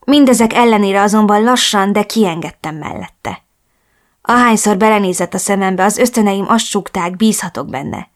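A woman narrating a first-person romance novel in a soft, reflective reading voice. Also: mid-range voice. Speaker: audiobook narrator.

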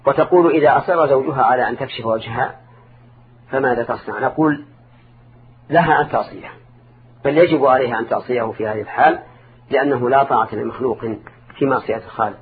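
Over a narrow, phone-like recording with clear background noise, an older man speaks in formal Arabic as an Islamic scholar responding to listeners' questions. His mid-range voice moves at a quick pace broken by long pauses, and he offers didactic religious counsel, restating and rephrasing points for emphasis.

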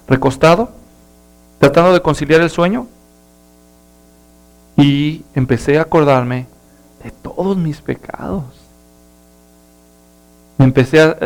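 A male pastor, preaching and telling a story in an animated way. His voice sits high for a man. Soft music plays quietly beneath him. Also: vocal fry. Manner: animated, acts out characters. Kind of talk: sermon with storytelling.

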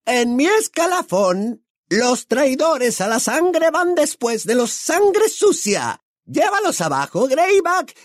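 A man voicing a cruel adult witch in an audiobook, drawing out each menacing word slowly. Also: extremely high pitch, dry recording, studio quality, pitched above the performer's own voice, full character voice. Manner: slow, drawn-out, menacing. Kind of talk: audiobook character voice.

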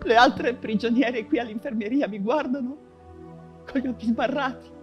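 A woman's voice: a little high, normal speed, highs cut off, soft background music, lightly acted. A woman playing a feverish imprisoned woman writer. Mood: haunted. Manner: feverish, distraught, veering between tears and laughter. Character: delirious woman writer, prisoner in camp infirmary. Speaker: stage actress. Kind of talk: theatre monologue on radio.

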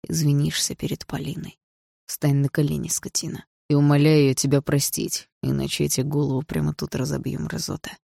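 A woman reading an audiobook, voicing a furious, protective teenage boy who threatens in a low, tense voice. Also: level tone, moderate pace, creaky, a little mellow, breathy edge, no echo, studio quality, full character voice. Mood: menacing.

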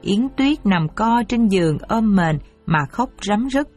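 A woman narrating a novel in an even, measured reading voice. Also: medium pitch, soft background music. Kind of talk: storybook narration.

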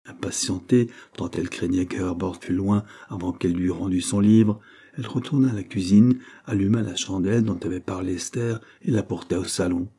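A man narrating a classic novel as an audiobook in a steady, even reading style. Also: sits low, brisk, breathy edge.

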